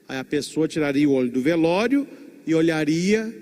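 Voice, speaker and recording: Emphatic priest, expressive storyteller, sermon in a reverberant hall. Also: male voice, on the high side, moderate pace.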